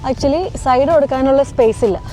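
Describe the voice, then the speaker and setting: A high-voiced woman talks as a travel vlogger. She slips English words into Malayalam and exclaims and repeats herself excitedly. Music and vehicle sound run behind her. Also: a little fast. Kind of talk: casual vlog chat mixing Malayalam and English.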